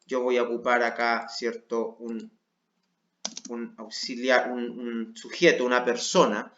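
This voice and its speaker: A man's voice: mid-range voice, sharp tone. A man with a Chilean Spanish accent teaching English to adults, walking patiently through a worksheet and checking in with his students often. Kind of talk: explaining a worksheet. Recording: dull, roomy lo-fi sound.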